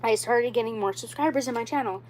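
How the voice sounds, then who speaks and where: A fairly high-pitched woman in her twenties, a doll YouTuber, talks fast to her livestream viewers about collecting dolls in a slightly mellow voice. She rambles and repeats herself, leaning on "like" and "you know" as she earnestly insists on her point. The recording is rough, with a little hiss or hum, and the talk is casual.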